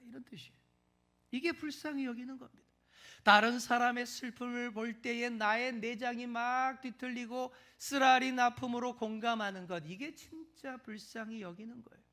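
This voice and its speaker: A man with a high voice preaches a sermon as senior pastor. He speaks straight to the congregation and asks them questions. He drops to a whisper one moment and stresses words loudly the next. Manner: expressive preaching, swings from loud stresses to hushed whispers.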